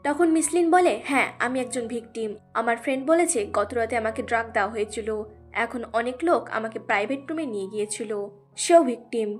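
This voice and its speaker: High-voiced woman narrating a drama recap. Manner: quick storytelling, acting out the characters' lines in her narrating voice. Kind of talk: scripted story narration. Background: background music.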